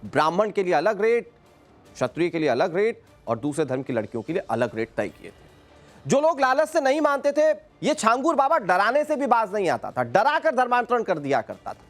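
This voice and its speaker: Animated male news anchor, emphatic. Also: high-pitched, a little fast, faint music behind. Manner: dramatic, emphatic delivery. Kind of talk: studio news presenting.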